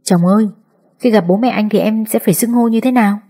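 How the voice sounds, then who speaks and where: A woman's voice: medium pitch, a little fast, dark tone, husky, pitched above the performer's own voice. A woman voicing an anxious, sulky young girlfriend who whines and pleads in an audiobook. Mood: pleading. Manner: whiny, pleading. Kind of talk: audiobook character voice.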